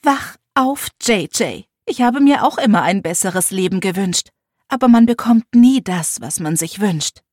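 A woman's voice: medium pitch, expressive, a little slow, darkish tone, dry recording, clean studio sound. A woman voicing a flighty middle-aged mother with a drinking problem, who talks in a plaintive, pleading way. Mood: bitter.

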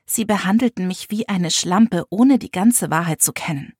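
A young woman reads a first-person audiobook with an intense, emotional delivery. Her voice is husky and breathy. It sits close on the mic in a dry, dead room. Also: fairly low pitch, normal speed, a little mellow, dry recording. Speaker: audiobook narrator.

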